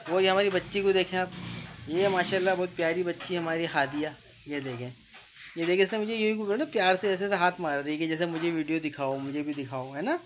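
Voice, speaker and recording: A man's voice: high voice, fast talker, a little hiss or hum. A man from Karachi with a Karachi Urdu accent, hosting a casual family vlog at home, joking and teasing as he talks to viewers on a phone. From Karachi, Pakistan. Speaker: vlog host. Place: home during a power cut. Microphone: phone, no external mic.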